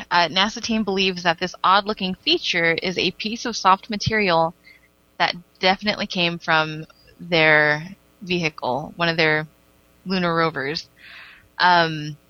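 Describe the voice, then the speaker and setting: Bright-voiced woman co-hosting a podcast. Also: fairly low pitch, no room sound, lo-fi sound. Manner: reads news story with frequent ums. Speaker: podcast co-host. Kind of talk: casual chat.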